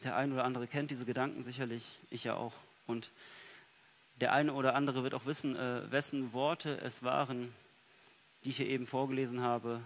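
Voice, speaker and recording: Male preacher, mid-pitched, earnest sermon delivery with soft and emphatic turns; faint hiss on the recording. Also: little pitch movement, normal speed. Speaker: pastor. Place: church.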